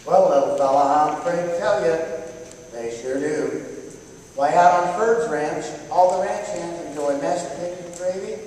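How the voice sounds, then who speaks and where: A woman's voice: sits low, normal speed, darkish tone, a little hiss or hum, natural voice. A woman playing a kindly ranch cook in a school stage play, talking in a folksy drawl. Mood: gentle. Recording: echoey hall from far off.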